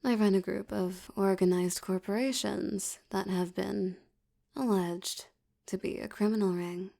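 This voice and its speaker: Woman playing a slow, sultry, creaky mafia boss. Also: mid-range voice, fairly even intonation, dark tone. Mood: cool, businesslike. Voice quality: breathy, often dropping into whisper. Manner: teasing, slow, velvety, threatening. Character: seductive, menacing female mafia boss, obsessively flirting. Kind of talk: ASMR roleplay audio drama.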